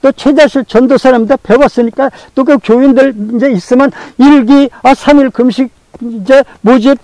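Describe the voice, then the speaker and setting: A male pastor preaching a sermon, repeating phrases for emphasis and telling stories in a lively, colloquial way. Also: very high voice, moderate pace, dry recording, rough recording. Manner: colloquial, animated storytelling with acted-out quotes.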